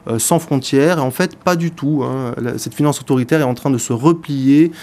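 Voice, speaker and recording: A man's voice: mid-range voice, normal speed, a little mellow. A man giving a radio book review in speech, hesitant, full of fillers and repeated words. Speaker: radio columnist.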